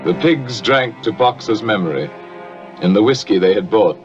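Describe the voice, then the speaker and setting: A man acting as the grave storybook narrator of a 1950s animated fable, measured and formal. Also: on the low side, natural voice. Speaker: film narrator. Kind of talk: 1950s scripted film narration. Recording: dull old film soundtrack with music.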